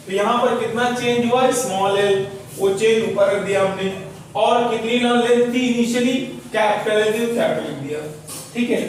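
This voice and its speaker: A man's voice: high-pitched, normal speed, a little hiss or hum. A male physics teacher giving a classroom lecture, explaining step by step and asking and answering his own questions. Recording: roomy echo, voice from far off.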